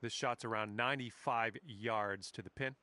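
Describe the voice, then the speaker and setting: A man giving calm, casual play-by-play commentary on a round of golf, with quiet low-key asides between shots. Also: moderate pace, dry recording.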